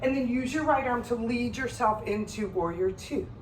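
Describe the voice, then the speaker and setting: A woman's voice: a little high, normal speed, roomy sound, slight background noise. Winded woman cueing a yoga flow. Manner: calm, directive cues, sometimes winded while moving. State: slightly out of breath. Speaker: yoga instructor.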